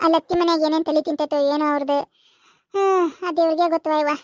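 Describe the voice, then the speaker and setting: A woman's voice: very high voice, fairly even intonation, a little hiss or hum. A woman with a North Karnataka accent, voicing chatty village characters for a cartoon comedy. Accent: North Karnataka Kannada. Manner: quick, chatty village banter. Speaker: cartoon voice artist.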